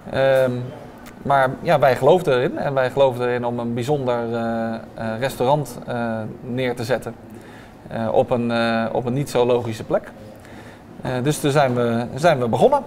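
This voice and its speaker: Recorded on a lapel mic in a bright restaurant dining room with slight background noise, a restaurant owner in his thirties answers interview questions. He speaks at medium pitch and a moderate pace, hesitating often with filler sounds.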